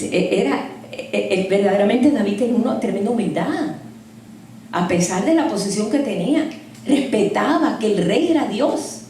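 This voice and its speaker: A woman gives sermon-style Bible teaching with a mellow, fairly high voice. She tells the story vividly and acts out the characters' lines. She sounds far from the mic in a very echoey room with faint noise behind her. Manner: storytelling, acts out dialogue, addresses listeners as brother.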